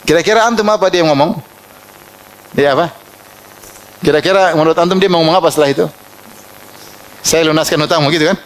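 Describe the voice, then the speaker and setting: A man preaching an Islamic sermon, telling lively personal anecdotes, chuckling often and reciting Arabic verses. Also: on the high side, quick pace, long pauses.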